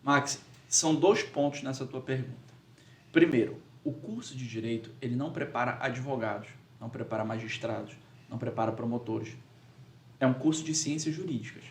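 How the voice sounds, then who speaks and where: A man, a lawyer and public speaking teacher answering as a podcast guest, talking emphatically and getting loud when he acts out a courtroom plea. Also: mid-range voice, a little fast, slight background noise. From Pará, Brazil.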